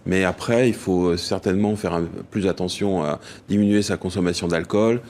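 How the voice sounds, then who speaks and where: Man, low voice, unscripted interview answer, hesitant with fillers. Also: fairly even intonation, moderate pace, a little mellow. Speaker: expert interviewee.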